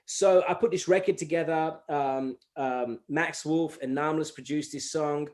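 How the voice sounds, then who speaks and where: His voice is a little high and his pace moderate as the Gujarati-raised hip-hop artist recounts anecdotes in a casual interview. He animates the stories by acting out conversations, often restarting and using filler words.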